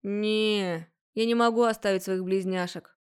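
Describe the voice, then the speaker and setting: A woman's voice: medium pitch, fairly even intonation, a little slow, smooth, lightly acted. A woman voicing a giddy drunk young man who slurs, hiccups and sings his words on the phone in a storybook reading. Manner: slurred, hiccuping, sing-song.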